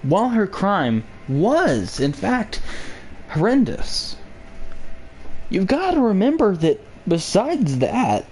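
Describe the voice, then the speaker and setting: A young man talks straight into his home mic, rambling through a sarcastic rant. His voice sits a little high and leaps around in pitch. A faint background noise runs under it. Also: wildly swooping pitch, slow, hardly any pauses, darkish tone. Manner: rambling, sarcastic, jokey asides. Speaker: vlog host. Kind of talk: casual political rant.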